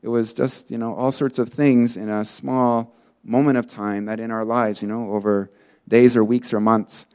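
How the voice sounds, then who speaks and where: A man's voice: mid-range voice, normal speed, smooth. A man preaching in a casual storytelling way, full of fillers, acting out the people he quotes. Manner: acts out quoted people in lively bursts. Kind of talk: sermon testimony.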